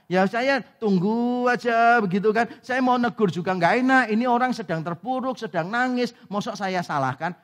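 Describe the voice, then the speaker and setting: A man's voice: high-pitched, long reverb tail. A male pastor giving a sermon in a conversational way, now and then acting out little scenes. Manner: conversational preaching with acted-out asides.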